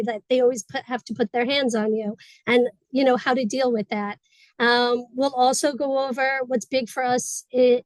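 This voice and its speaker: A woman on a webinar panel, chatty and quick, explaining how she trains staff over a video call. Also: high-pitched, no echo, poor audio. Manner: chatty, fast-paced explaining. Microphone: video call mic.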